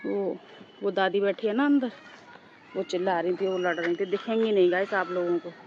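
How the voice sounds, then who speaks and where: A woman vlogger with a hoarse, sore throat, chatting casually and rambling to her viewers as she records outdoors on a two-storey house with a handheld phone. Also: mid-range voice, moderate pace, muffled recording, slight background noise. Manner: rambling, talks straight to viewers as "guys".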